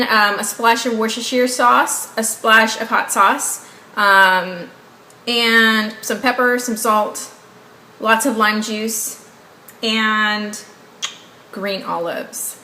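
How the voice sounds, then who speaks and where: This beauty vlogger is a Southern US woman in her twenties with a Southern accent, and English is not her native language. Her voice is a little high, bright and forceful, with fairly even intonation and a slow pace, as she chats upbeat and rambling to viewers, often inviting guesses. Faint noise sits behind an echoey room sound.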